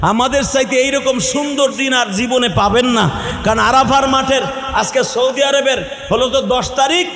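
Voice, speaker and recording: A man's voice: extremely high pitch, moderate pace, fairly bright tone. A male Islamic preacher from Bangladesh, giving a chanted sermon, half-singing and calling out passionately to the crowd. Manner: impassioned, half-sung, calls out to the crowd. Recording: echoey hall with faint music.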